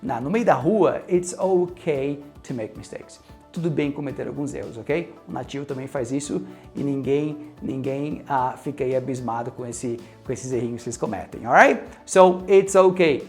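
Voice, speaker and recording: Animated Brazilian man teaching English. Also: mid-range voice, normal speed, soft background music. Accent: Brazilian Portuguese. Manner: animated, mixes in English phrases, keeps checking in with "ok?". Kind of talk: casual video lesson.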